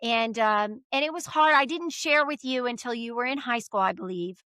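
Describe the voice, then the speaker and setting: A middle-aged woman chats as an interview guest, telling family stories and acting out every voice in them. Her voice is bright and a little high. The sound is dry and close. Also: moderate pace, clear, resonant tone, no echo. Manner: animated storyteller acting out quoted voices. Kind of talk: casual chat.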